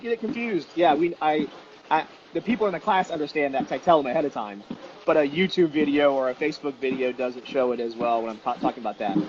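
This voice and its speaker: A man giving casual, emphatic explanations as an instructor, often posing questions and answering them with examples. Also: on the high side. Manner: informal, emphatic, self-questioning teaching with examples. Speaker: dog detection trainer and instructor. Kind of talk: casual explanatory interview talk. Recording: dull lo-fi audio with faint noise.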